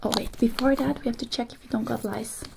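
Close-miked in a small room amid noise and clicks, a young adult ASMR performer acts as a reassuring, efficient female medic treating a patient. Her soft, breathy murmurs repeat soothingly in a businesslike way, her voice slightly high with fairly even intonation.

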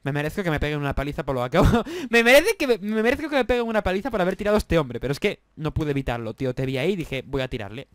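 A man's voice: fairly high pitch, animated, very fast, few pauses, fairly bright tone, smooth, dry recording. A young man with an accent from Spain, commentating his gameplay in a rowdy, swearing, mock-apologetic way. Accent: Spanish from Spain. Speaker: gaming YouTuber.

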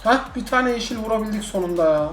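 A young man giving live gameplay commentary, exasperated and swinging between loud outbursts and low grumbling. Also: animated, fast. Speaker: gaming streamer. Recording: echoey room with game music behind.

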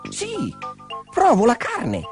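A cheeky, half-starved dog from a children's story, as a man puts on his voice. He talks high and sing-song, with big swoops in pitch. He fumbles and stammers through sly excuses. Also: wildly swooping pitch, slow pace, over music, exaggerated voice. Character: cheeky skinny hungry male dog. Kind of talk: storybook character voice.

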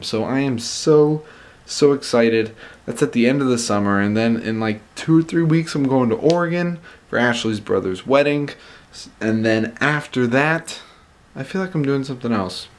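A young man talking in a casual, conversational vlog style, leaning on words for emphasis, recorded at arm's length in a room at home. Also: medium pitch. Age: young adult. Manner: conversational, emphatic repetition for stress. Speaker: vlogger. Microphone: camera at arm's length.

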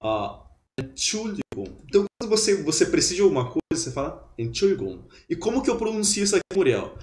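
A man giving a lively, chatty webinar lesson and drilling pronunciation. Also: sits high, fast talker. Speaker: German teacher. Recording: roomy echo.

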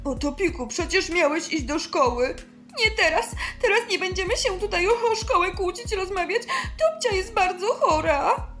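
A worried mother, fretful and impatient, as a woman puts her on, her high voice leaping around as she frets. Faint background music plays under her. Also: animated, moderate pace, a bit bright. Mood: anxious. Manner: anxious, fretful.

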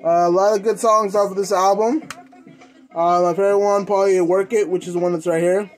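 Halting, slangy young American man vlogging. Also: high-pitched, fairly even intonation. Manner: halting, slangy, informal delivery. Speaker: host of a clothing collecting channel. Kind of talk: casual unboxing vlog. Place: indoors in a room at home.

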